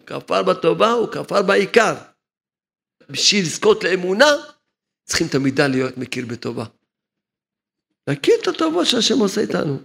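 Gravelly high-voiced man teaching religion. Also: a bit bright. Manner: repetitive, explanatory, chuckles at his own points. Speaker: rabbi teaching a Torah lesson. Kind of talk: religious lesson.

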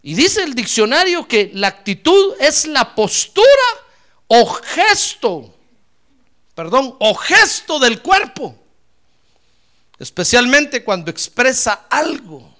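A male pastor preaching a sermon, fervent, swinging from loud exclamations to quiet asides and often addressing his listeners directly. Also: very high voice, big pitch swings, slow pace. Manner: repeatedly addresses listeners as "hermano".

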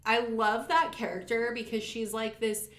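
A woman's voice: on the high side, steady tone, normal speed, a bit bright. A woman co-hosting a podcast in casual chat. She is chatty, fills her talk with "like", and swears freely. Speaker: podcast co-host.

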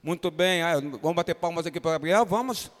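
A man's voice: fairly high pitch, brisk. A man with a Brazilian Portuguese accent, a pastor leading an interactive Bible lesson for children in a church and coaxing them by name to answer. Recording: reverberant church hall.

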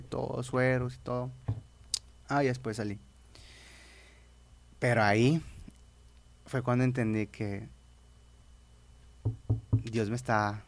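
A man's voice: medium pitch, creaky. A young Mexican man with a Spanish accent from Mexico, telling a personal faith testimony in a rambling, casual way with frequent restarts. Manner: rambling storyteller, many restarts, says "brother". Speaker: guest.

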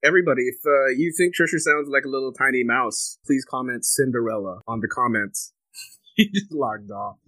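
A man's voice: medium pitch, lively intonation, fairly quick, pushed and bright, no echo, low-quality recording. A young man hosting a casual podcast, joking and playful with teasing wordplay. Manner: playful, jokey, alliterative wordplay. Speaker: podcast host.

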